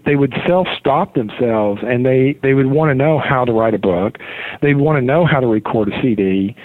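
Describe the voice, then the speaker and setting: A man's voice: mid-range voice, dry recording. A man telling his business story earnestly in a casual interview, heard over a call line. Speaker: podcast guest, mortgage marketer. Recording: tinny phone-line audio.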